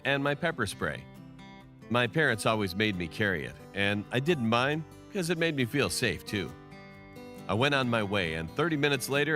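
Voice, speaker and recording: A man giving a scripted first-person narration of a story in a steady storytelling delivery. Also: mid-range voice.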